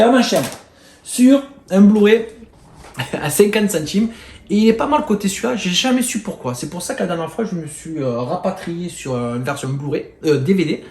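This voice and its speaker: A man with a Marseille accent, chatting casually to camera about his bargain finds, excitable and rambling with lots of fillers and mild swearing. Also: on the high side. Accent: Marseille French. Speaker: video host showing flea-market finds. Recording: echoey room with faint noise.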